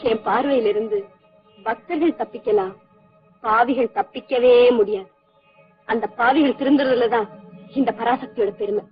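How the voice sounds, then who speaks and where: A woman's voice: fairly high pitch, normal speed, long pauses, natural voice. A woman playing a stern, mighty goddess who solemnly pronounces judgment on sinners, in a 1980s film. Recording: muffled old film soundtrack, faint music.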